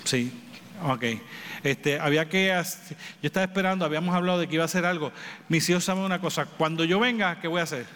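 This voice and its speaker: A man preaching a sermon, with repeated phrases and rhetorical questions, swinging between raised and low delivery. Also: fast talker, fairly bright tone. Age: adult with children. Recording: reverberant hall with faint background noise.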